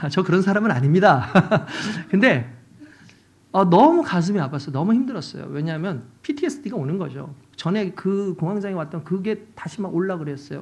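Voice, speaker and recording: Middle-aged man, guest pastor, emotional testimony sermon, lively and expressive pitch. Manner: emotional, animated storytelling.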